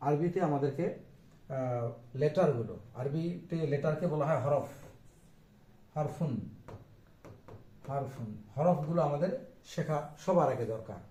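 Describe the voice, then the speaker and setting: A man teaching the Arabic alphabet to beginners, patient and repetitive as he goes over each letter. His voice sits a little high for a man and rings in an echoey room. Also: a little slow, long pauses, dark tone. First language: Bengali. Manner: patient, repeats each point, mixes in English phrases. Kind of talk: explaining Arabic letters on a board.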